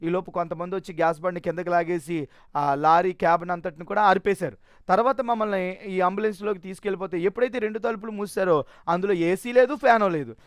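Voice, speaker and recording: A man's voice: high voice, fast, no echo, clean studio sound. A man giving a personal testimony in an earnest, emotional way, often restarting his sentences.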